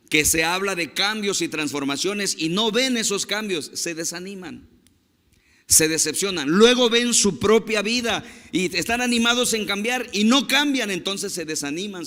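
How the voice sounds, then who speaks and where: A man's voice: fairly high pitch, fairly bright tone, long reverb tail. A man preaching a sermon as pastor, emphatic and drawn out on key words, speaking to his congregation. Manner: emphatic, slow stresses on key words, addresses the congregation as brothers. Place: church.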